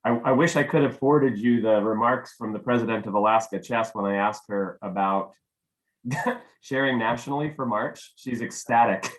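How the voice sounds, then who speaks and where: A man, a little hoarse, chatting casually while setting up a video call as host. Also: mid-range voice, moderate pace, low-quality recording. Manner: chatty, easygoing, mutters while working. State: losing his voice. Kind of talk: casual Zoom tech check. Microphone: computer mic on video call.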